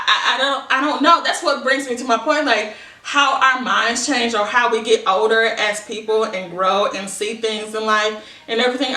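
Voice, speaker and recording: A young woman talks casually to her viewers in a bright, forward voice. She rambles and thinks aloud in a conversational way. The sound is echoey, picked up at some distance from the mic in a room. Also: medium pitch. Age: young adult. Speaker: vlogger. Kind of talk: casual chit-chat monologue.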